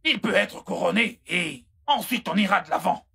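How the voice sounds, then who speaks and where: A man dubbing a menacing royal schemer who speaks in a threatening, insinuating way with a gravelly, husky voice. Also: high-pitched, animated, moderate pace, sharp tone, exaggerated voice. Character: menacing royal schemer hinting at a rival's death. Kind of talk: French film dub.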